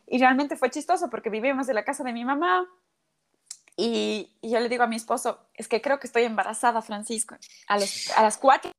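A woman talks with a high, bright pitch. She tells a personal story in an animated way and puts on the voices of the people in it. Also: a little fast. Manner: animated, acts out quoted voices. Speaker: guest athlete. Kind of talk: storytelling in casual chat.

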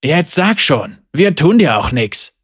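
A storybook narrator voicing a stocky, gruff male thug who speaks low and menacing, in a dry, close recording. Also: very animated, slow, no echo, exaggerated voice.

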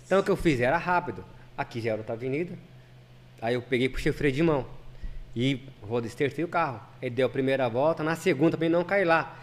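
A man speaks as a podcast guest, rattling off his story at a quick clip. His voice sits in an ordinary middle pitch, and he talks earnestly, stumbling and restarting as he goes. He comes across as a lay preacher chatting casually. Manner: earnest, fast, with many repeats and restarts.

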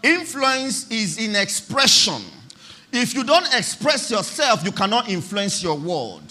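Lively, bright-voiced preacher man. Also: sits high, unhurried. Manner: emphatic, repeats key phrases, calls for congregation response. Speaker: pastor. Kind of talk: church sermon.

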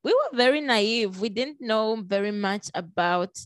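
A woman from Congo hosting a casual podcast interview, chatty and expressive with frequent jumps in pitch. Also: a little slow, dry recording. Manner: chatty with small restarts and fillers. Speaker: podcast host.

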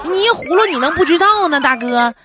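A woman's voice: extremely high pitch, expressive, fairly quick, a loud crowd, pitched above the performer's own voice. Incredulous Northeastern Chinese policewoman acted by a woman. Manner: probing, exclamatory, teasing disbelief. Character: nosy, incredulous female police officer questioning a victim. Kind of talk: comic radio skit acting.

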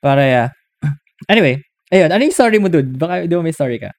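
Animated Filipino man telling stories. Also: on the high side, fast, dry recording, clean studio sound. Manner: animated storyteller, switching between Tagalog and English. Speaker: podcast co-host. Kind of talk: casual chat.

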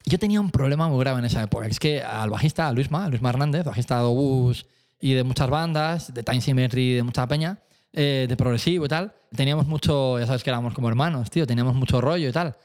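Animated storytelling man. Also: medium pitch, fast. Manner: animated storyteller, acts out voices, laughs often, swears casually. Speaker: musician telling a tour story. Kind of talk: casual anecdote on a podcast.

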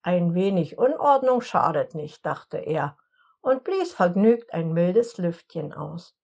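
A woman narrating an audiobook story in a calm, measured manner. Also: fairly low pitch, gravelly, muffled recording.

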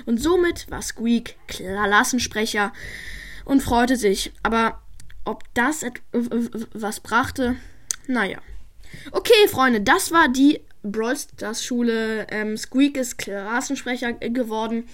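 Girl narrator, slow and stumbling. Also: fairly high pitch, expressive, fairly bright tone. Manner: slow, stumbling with repeated syllables. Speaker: narrator and channel host. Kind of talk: improvised toy story narration.

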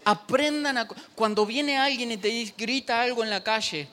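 A man's voice: very high voice, normal speed. A man preaching a sermon in a church, joking and speaking straight to the congregation. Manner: animated, joking preacher addressing the congregation directly.

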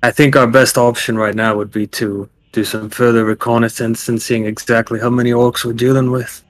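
Calm guy talking tactics, pretty monotone, dry sound. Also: mid-range voice, fairly quick. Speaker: player. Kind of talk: tabletop game chat over a call.

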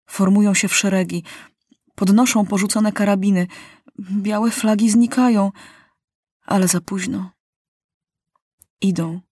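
Slow husky woman narrating an audiobook. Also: mid-range voice, steady tone, a little mellow, dry recording, studio quality. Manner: slow, measured, dramatic pauses.

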